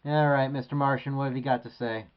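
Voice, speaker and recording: A man's voice: medium pitch, fairly even intonation, fast, lo-fi sound, a little hiss or hum. A man reviewing an action figure in a casual, rambling way with many hesitations. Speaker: toy collector reviewer.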